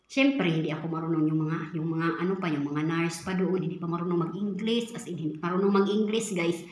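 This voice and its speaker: A woman's voice: on the low side, fairly even intonation, brisk, a little mellow, a little hiss or hum. A young Filipina woman, a caretaker, telling a story in a casual vlog, chatty and full of fillers, often speaking to her viewers. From Philippines. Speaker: caretaker for an elderly woman in Taiwan. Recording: echoey room.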